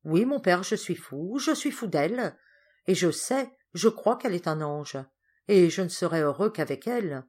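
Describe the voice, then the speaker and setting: A woman's voice: lowish voice, expressive, normal speed, darkish tone. A woman reading the part of an impassioned young man pleading with his father, in a fervent, declamatory way.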